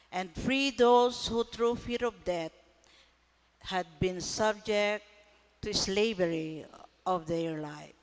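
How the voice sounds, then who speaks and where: A man reading scripture formally as a lector at Mass, deliberate and phrase by phrase, in a large echoing church. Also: sits high, clear, resonant tone. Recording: long echoing church reverb.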